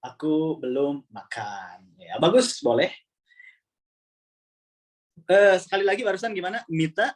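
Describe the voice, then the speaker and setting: A man teaching an online Arabic class over a video call, relaxed and chatty, often repeating words as he explains. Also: on the high side, a little slow, pauses often.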